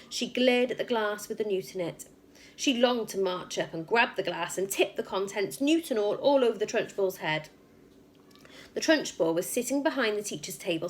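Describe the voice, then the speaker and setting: Like a teacher at story time, a woman reads a children's tale aloud at a medium pitch. Her narration is expressive and emphatic, building suspense as she goes.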